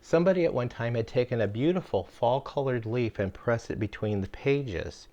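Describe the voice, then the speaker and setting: A man's voice: medium pitch, animated, moderate pace, dark tone. Folksy older man telling jokes. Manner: folksy and rambling, with many fillers. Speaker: homestead channel host, former caregiver. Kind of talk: casual storytelling.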